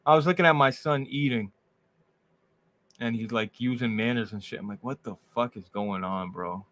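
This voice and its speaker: A man's voice: mid-range voice, moderate pace, fairly bright tone. Profane, slangy casual male host. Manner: casual, profane slang, says bro a lot. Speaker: podcast host. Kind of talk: casual chat.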